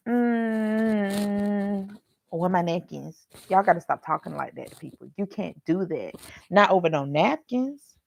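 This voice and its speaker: Gravelly woman giving a frank Bible talk. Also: on the low side, big pitch swings, normal speed, slight background noise. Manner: frank, chatty, scolding with humor; addresses listeners as y'all. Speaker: Bible study host. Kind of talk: casual livestream Bible talk.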